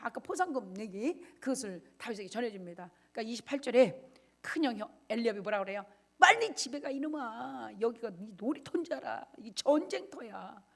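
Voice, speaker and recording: A woman pastor delivers a fervent sermon in a bright, high voice. She rises to loud exclamations, then drops to hushed asides. She acts out the lines she quotes with theatrical flair. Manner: emphatic preaching, swinging between loud cries and quiet asides.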